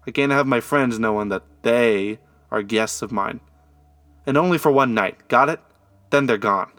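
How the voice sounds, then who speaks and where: Man putting on a bossy, shrill innkeeper woman. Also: moderate pace, a bit bright, dry recording, natural voice. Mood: grudging, stern. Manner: curt, bossy. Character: stern, prickly female innkeeper, loud.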